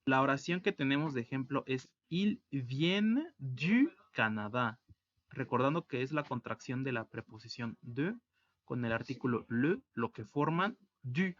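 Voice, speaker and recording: A man teaching a French lesson online, explaining slowly and repeating each word. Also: mid-range voice, fairly bright tone, no echo, lo-fi sound. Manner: slow, careful explanation, repeating words.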